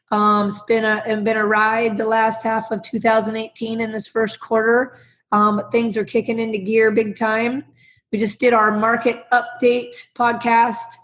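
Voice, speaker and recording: A woman co-hosting a casual podcast in a chummy, slangy way, with a hoarse smoker's rasp and a congested sound from a sinus bug. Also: on the high side. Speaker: podcast co-host.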